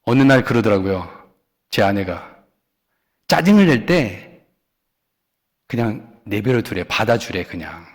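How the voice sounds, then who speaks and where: A man preaching a sermon as senior pastor. He hammers key words by repeating them and moves between loud stresses and soft asides. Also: lowish voice, animated, a little slow, pauses often. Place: church sanctuary. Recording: long church hall reverb.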